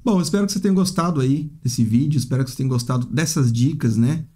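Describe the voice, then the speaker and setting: Speaking quickly in a darkish, mid-range voice, a man runs through a laid-back, talkative English lesson. Tag questions like "né?" pop up constantly, and he acts out students who hesitate.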